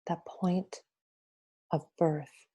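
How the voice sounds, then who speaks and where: A woman leading a guided meditation in a soothing, reverent, goddess-like manner, softly and with a hushed delivery. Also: lowish voice, steady tone, very slow. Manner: soft, breathy, hushed, drifting at times toward a whisper.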